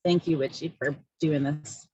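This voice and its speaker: A woman calling in by phone from a parked car, breezy and quick to laugh. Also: low voice, steady tone, warm tone, husky, dry recording, lo-fi sound. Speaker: panelist, former board member. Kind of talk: video call from a parked car.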